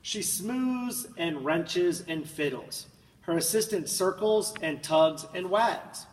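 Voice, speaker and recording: A man reads a picture book aloud with theatrical emphasis and drawn-out words. His voice sits a little high. It comes from some distance in a very echoey room, with a faint layer of noise. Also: lively intonation. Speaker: storybook reader. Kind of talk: expressive children's picture-book read-aloud.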